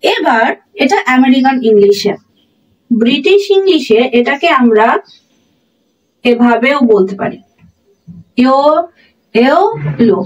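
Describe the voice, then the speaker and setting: A woman teaching English pronunciation in a lesson, repeating each example word slowly and deliberately. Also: sits high, expressive, distant mic, highs cut off.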